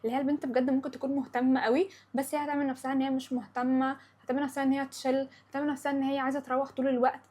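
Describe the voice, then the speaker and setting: A woman's voice: high voice, little pitch movement, very fast, dark tone. A young woman in her twenties with an Egyptian Arabic accent, hosting a casual chat podcast, chatty and opinionated, slipping English words into her talk. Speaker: podcast host.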